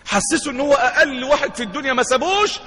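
A man's voice: very high voice, rapid-fire, bright, forceful tone, a little hiss or hum. A male imam with an Egyptian accent, telling stories in a sermon and asking questions that he answers himself. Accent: Egyptian Arabic. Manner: asks the crowd questions and answers them himself. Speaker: imam and preacher. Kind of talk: sermon storytelling. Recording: long hall reverb.

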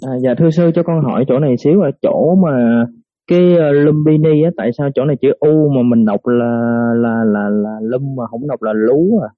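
A man, a student asking halting, repeated questions in an online class. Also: mid-range voice, narrow, tinny audio. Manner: halting, stammers and rephrases questions.

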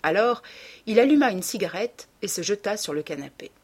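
A woman reading a classic novel aloud as an audiobook, measured and even. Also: medium pitch, slightly rough. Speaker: audiobook reader. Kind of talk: scripted narration of a classic novel.

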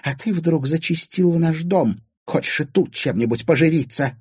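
A man's voice: on the high side, normal speed, a little mellow, husky, no room sound, clean studio sound, pitched above the performer's own voice. A man voicing a scheming, two-faced stepmother who was once an actress, shrieking and sneering.

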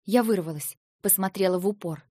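A woman narrating a first-person audiobook in a steady, expressive storytelling manner. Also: medium pitch, fairly quick, slightly rough, dry recording, studio quality.

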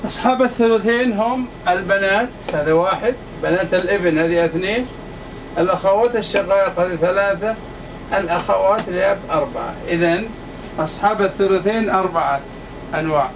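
Male lecturer, high voice, emphatic and repetitive, distant room mic with faint AC hum. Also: fairly quick. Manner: emphatic, repeats points to the class. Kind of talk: classroom lecture.

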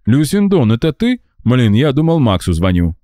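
A man's voice: fairly low pitch, very animated, moderate pace, warm tone, dry recording, clean studio sound. A man voicing an eager, restless young male colleague calling on the phone in an audiobook. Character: excitable young male office techie.

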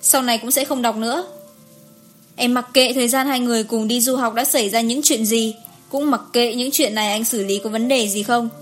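A woman voicing an upset pregnant young wife, sharp and defensive, in an audiobook story. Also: a little high, a little fast, faint music behind, lightly acted. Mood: calm resolve. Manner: sharp, defensive, then calm and resolute.

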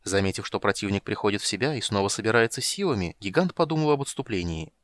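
A man narrating a fantasy audiobook in a brisk, dramatic reading. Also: fairly low pitch, animated, dry recording.

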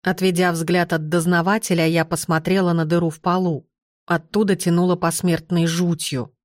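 A woman's voice: lowish voice, little pitch movement, normal speed, dry recording. Woman narrating an audiobook, dry sound. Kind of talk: first-person scripted narration.

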